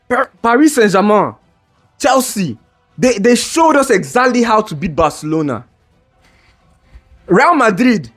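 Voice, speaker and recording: Speaking in a very high, slightly bright voice, this young man vlogs as a football fan, ranting heatedly about a match. He sounds exasperated, trips over restarts and strains his voice throughout the reaction video.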